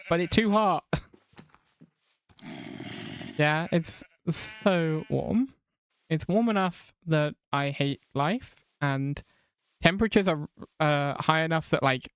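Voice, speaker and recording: A man's voice: on the high side, a bit bright. A man streaming a video game who chats with his viewers in a casual, wry and self-mocking way and laughs often. He has a non-rhotic English accent. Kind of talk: casual live-stream chat while gaming.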